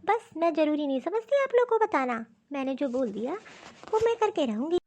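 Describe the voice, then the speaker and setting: A woman plays a lazy, defiant young daughter-in-law in a cartoon story. She turns down every request with curt refusals in a high voice. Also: sing-song, a little fast, a little mellow, faint music behind.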